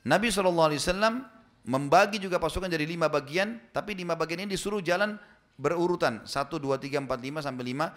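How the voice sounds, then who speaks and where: A man's voice: on the high side, fairly bright tone. A male preacher giving a religious history lecture, telling the story in a casual, colloquial way and explaining with a drawn sketch. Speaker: Islamic preacher.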